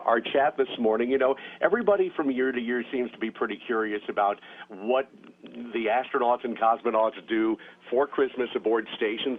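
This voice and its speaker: A male news correspondent heard over a narrow radio link, asking friendly, chatty questions with many fillers. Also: mid-range voice. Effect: radio link, narrow phone-like audio. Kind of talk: live interview over a space-to-ground link. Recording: tinny radio link with faint hiss.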